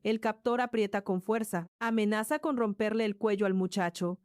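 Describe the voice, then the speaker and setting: A woman's voice: mid-range voice, moderate pace, a little mellow, no echo, clean studio sound. A woman narrating a story in a scripted way, voicing sound effects like crashes and thuds along the way.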